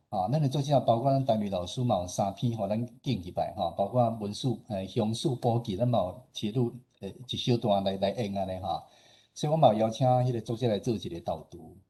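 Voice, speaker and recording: A radio station head presents at a forum in an informal way, his low, husky voice marked by a Taiwanese accent. He explains things in a dark, relaxed tone, often closing phrases with small particles.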